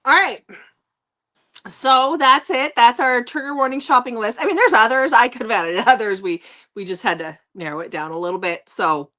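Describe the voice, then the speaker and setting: A woman's voice: on the high side, expressive, normal speed, sharp tone. A woman co-hosting a casual book review chat, gushing and repeating herself for emphasis.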